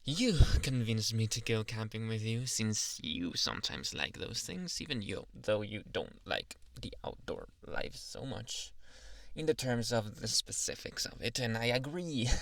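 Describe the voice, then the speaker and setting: A man playing a shy, tender boyfriend in a soft, halting, intimate ASMR role-play, teasing and adoring. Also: mid-range voice, creaky, no room sound.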